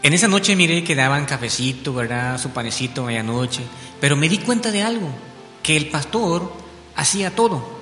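A man's voice: a little high, expressive, moderate pace. A man from Belize giving an earnest spoken testimony in church, telling his story with frequent tag questions. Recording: echoey hall with soft music.

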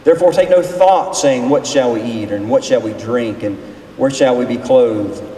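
Speaking at a moderate pace in a mellow, medium-pitched voice, a pastor in his forties leads a seminar with an informal sermon. He's folksy and talkative, asking questions of the people before him in a large echoing room. The recording is distant and noisy.

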